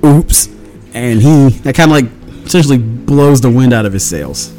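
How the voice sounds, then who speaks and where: Man, tabletop game player, casual meandering recap at a mid pitch, faint music behind. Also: animated, brisk, dark tone. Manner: meandering storytelling, acts out quotes.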